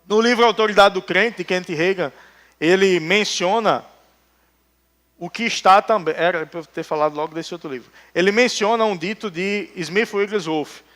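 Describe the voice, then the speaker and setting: A man's voice: high voice, a bit bright. A male pastor, preaching a sermon in a church and telling jokey stories, acting out the people he quotes. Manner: joking storytelling, acts out quotes. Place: church hall.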